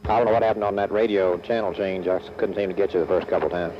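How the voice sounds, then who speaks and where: A man's voice: low voice, steady tone, fast. A man working as a military pilot, speaking clipped radio procedure through an oxygen mask microphone in a jet cockpit. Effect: speaking through oxygen mask over cockpit radio. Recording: dull, noisy 1960s cockpit radio recording. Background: faint aircraft hum and noise.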